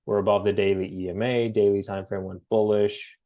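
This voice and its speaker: A man with a head cold walks through trading charts in a relaxed, halting way, full of ums and restarts. His voice sits a little low and carries a slight rasp. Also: narrow, tinny audio. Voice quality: raspy. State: has a cold, slightly raspy. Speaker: forex trading analyst. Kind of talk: casual screen-share market breakdown.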